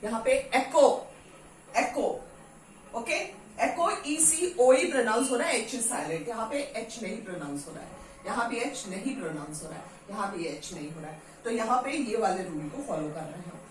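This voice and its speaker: A woman's voice: fairly high pitch, lively intonation, normal speed, slight background noise. An Indian woman teaching English pronunciation in a casual lesson, drilling example words aloud over and over. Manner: repeats example words loudly, drills them. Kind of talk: casual spoken lesson mixing Hindi and English. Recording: echoey room, voice from a distance.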